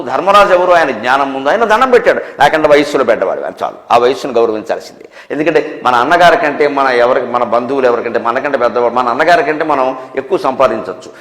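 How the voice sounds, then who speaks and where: A man's voice: mid-range voice, a bit bright. A man giving a spiritual discourse to an audience, scolding with rhetorical questions and wry humour. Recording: echoey hall with long reverb.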